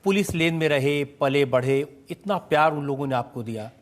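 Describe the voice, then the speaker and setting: Male host, formal, presses the guest with pointed accusations, slightly high voice. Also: normal speed. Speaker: TV courtroom-style interview host.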